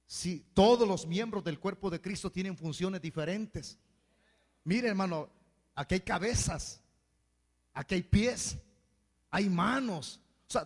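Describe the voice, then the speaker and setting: A man preaching a sermon as pastor, with animated asides where he mimics complaining people. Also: sits high. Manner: preaching with acted asides in mocking voices. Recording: hall reverb.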